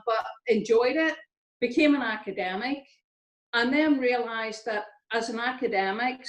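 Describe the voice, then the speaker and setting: A woman's voice: medium pitch, reverberant, rough recording. A woman in her fifties from Northern Ireland with a Northern Irish accent, speaking on a video call and giving an informal, chatty, self-deprecating talk to students as an engineer on a panel. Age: 50s.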